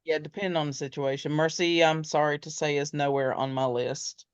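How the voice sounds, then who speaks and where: Woman, very low voice, dry close sound, muffled lo-fi, candid casual chat. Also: fairly even intonation, brisk, smooth, dry recording. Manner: candid, dry humor, laughs easily. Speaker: podcast co-host. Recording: dull, slightly muffled sound.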